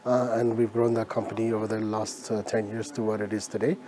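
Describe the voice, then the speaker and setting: Flat, mellow-voiced businessman guest. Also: lowish voice, a little fast. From Ethiopia. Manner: steady, matter-of-fact, frequent "uh" fillers. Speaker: entrepreneur guest. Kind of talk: conversational interview answers.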